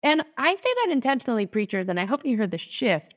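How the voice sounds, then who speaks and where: A woman's voice: on the high side, very animated, fast. A woman co-hosting a lectionary podcast, talking in a chatty, teacherly way. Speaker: podcast co-host, Lutheran. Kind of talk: casual lectionary podcast chat.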